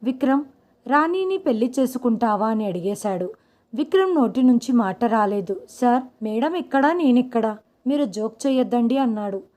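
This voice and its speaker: A woman with a fairly high but mellow, warm voice tells a first-person family story. She reads every part herself, carrying the brother's and the uncle's words in her own steady tone. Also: normal speed.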